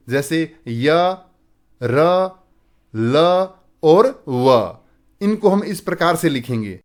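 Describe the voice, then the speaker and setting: A man from India explaining a Sanskrit alphabet lesson to students, pausing to repeat syllables slowly and clearly. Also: fairly high pitch. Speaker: Sanskrit teacher.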